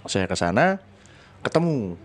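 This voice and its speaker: A man tells a long story in a relaxed podcast chat. His natural voice sits fairly low, yet he keeps it animated, jumping sharply higher whenever he acts out someone else's words. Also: unhurried. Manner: animated, acts out quoted voices with sudden high pitch.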